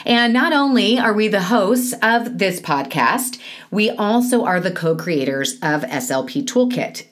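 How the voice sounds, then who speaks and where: A woman with a slightly low voice talks through a podcast as co-host. Her delivery is chatty and unscripted, full of quick asides. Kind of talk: casual podcast chat.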